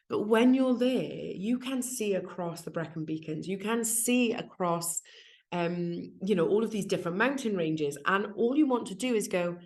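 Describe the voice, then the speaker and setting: Woman, podcast host, deep voice for her sex, open and chatty, self-mocking. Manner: candid, chatty, laughs at herself. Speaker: podcast host and success coach. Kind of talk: reflective solo podcast monologue.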